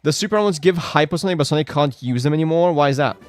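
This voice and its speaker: A man's voice: a little high, racing, faint music behind. A man chatting casually on a live game stream, rambling with lots of filler words and reacting to chat.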